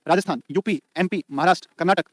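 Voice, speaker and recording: A man's voice: high voice, fast, fairly bright tone, no echo. A man teaching an exam-prep lecture in a colloquial way, repeating each point over and over so students can write it down. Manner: colloquial, addresses students as beta and bhai.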